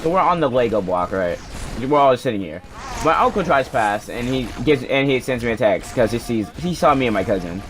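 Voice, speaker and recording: Soft music plays behind a young storyteller vlogger whose mid-range voice has lively intonation and a fairly quick pace. Recording on a cheap home mic, he rambles casually, swears and cuts himself off mid-sentence.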